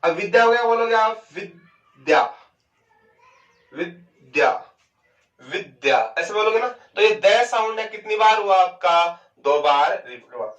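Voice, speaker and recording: High-voiced man teaching grammar, echoey. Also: expressive, moderate pace, fairly bright tone, recorded from a distance. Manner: asks questions and answers them himself; stretches out words to show pronunciation. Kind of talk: classroom lecture. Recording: dull, echoey and off-mic.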